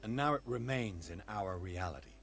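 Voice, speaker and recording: A man's voice: on the low side, expressive, moderate pace, a bit bright. An actor playing a world-weary male investigator in a video game, terse, dry and sarcastic. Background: game music.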